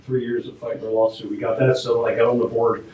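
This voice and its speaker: A man's voice: medium pitch, level tone, fast, dark tone. A board member, a man, speaking in a folksy, conciliatory way in a meeting. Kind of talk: casual meeting talk. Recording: very echoey room, distant mic, faint noise.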